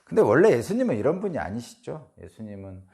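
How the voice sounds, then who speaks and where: A man's voice: mid-range voice, sing-song, fast talker, gravelly, darkish tone. A man preaching a dawn service sermon as pastor, conversational and hesitant, acting out the quoted lines. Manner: many hesitant fillers and restarts.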